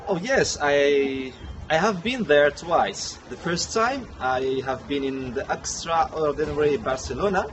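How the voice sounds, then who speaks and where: A man's voice: a little high, animated, unhurried, slight background noise, rough recording. A man gives hesitant, thoughtful interview answers. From Morocco. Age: 30s.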